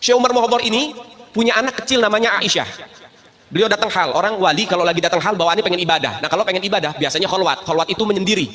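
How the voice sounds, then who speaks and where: A man's voice: sits high, very fast, noisy background. A man preaching in storytelling style, animatedly acting out the dialogue of the people in his story. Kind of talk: storytelling sermon.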